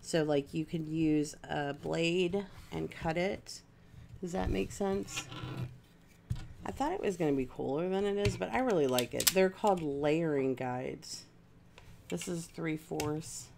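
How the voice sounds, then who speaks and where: A woman with a low, gravelly voice chats casually as she crafts on a livestream. She rambles along unhurried and talks straight to her viewers, leaning on filler words. A faint hiss sits under her voice. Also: darkish tone. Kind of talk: casual chat while crafting.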